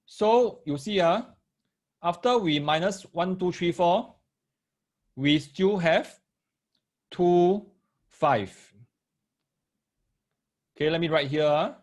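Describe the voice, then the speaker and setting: Man, Singaporean accent, Singlish, fairly high pitch, online maths tutor, step-by-step explaining, repeated phrases, frequent check-ins. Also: slow pace, pauses often. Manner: Singlish, with lah and ah particles. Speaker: maths tutor teaching parents and children.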